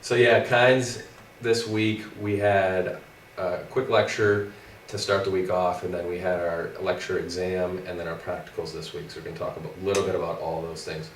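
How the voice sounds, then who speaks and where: A young man in his twenties, stuffed up and nasal from a cold with a scratchy throat, casually recaps his week at physical therapy school as a co-host. His voice is low and fairly flat, moving at a moderate pace with few pauses. The recording sounds roomy, distant from the mic, with faint background noise.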